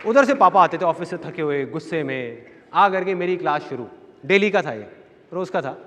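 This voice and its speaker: High-voiced man telling stories on stage. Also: animated, normal speed, a bit bright. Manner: storytelling, acting out quoted voices, repeating key phrases. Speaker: motivational speaker. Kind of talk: live seminar talk. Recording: long hall reverb, faint audience.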